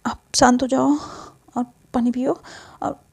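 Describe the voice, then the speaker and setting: A gentle mother, as a woman puts her on, coaxes and reassures with repeated words. Her voice is high and gravelly, with a dark, mellow warmth, in a storybook telling. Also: little pitch movement, a little slow, exaggerated voice. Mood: reassuring. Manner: soothing, coaxing with repeated words. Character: gentle, soothing mother of a teen girl.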